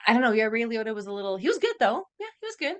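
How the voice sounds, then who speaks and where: A woman's voice: on the high side, sing-song, very fast, fairly bright tone. A woman hosting a podcast, chatting casually in a rambling way full of fillers. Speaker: podcast host. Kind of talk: casual chat.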